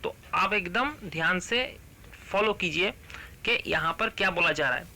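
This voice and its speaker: A male English grammar teacher, reading rules aloud slowly and then explaining them, often asking the class a question and answering it himself. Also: high voice, bright, forceful tone, slight background noise.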